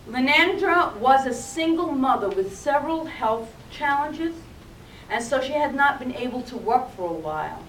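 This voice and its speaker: A woman minister preaches slowly, telling a story in a gently reflective way. Her fairly high voice rings in an echoey hall, picked up from a distance with faint noise behind. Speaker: reverend. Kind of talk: sermon. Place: spiritual center hall.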